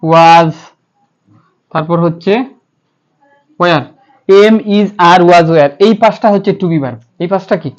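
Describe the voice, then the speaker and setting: With a Bangladeshi accent and a slightly high voice, a man speaks slowly and leaves long pauses while teaching English grammar in a classroom-style lecture. He asks questions, then answers them himself, and spells words letter by letter; the recording sounds slightly dull and lo-fi.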